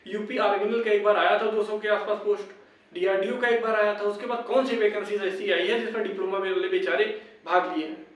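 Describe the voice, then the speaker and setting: A young man presents exam updates on YouTube, speaking informally and insistently to viewers he calls brothers. He gives advice, urges them on and keeps repeating his points. His high voice is steady and a little fast, captured by a distant microphone in a very echoey room.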